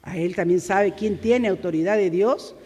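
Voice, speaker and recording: A woman preacher giving an emphatic sermon, full of rhetorical questions and swings from loud to quiet. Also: mid-range voice, normal speed, husky, in a large hall.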